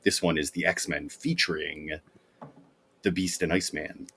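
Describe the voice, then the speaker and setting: A man's voice: rumbling low, fairly even intonation, a little slow, fairly bright tone, husky. A man co-hosting a podcast in casual chat, joking and laughing often. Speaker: podcast co-host. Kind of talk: casual comic-book chat.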